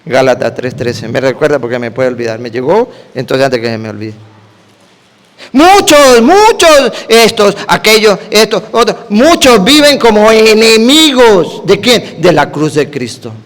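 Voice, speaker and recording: Animated male preacher in an echoing hall. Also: high voice. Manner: animated, quizzes listeners with quick questions. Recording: long hall reverb.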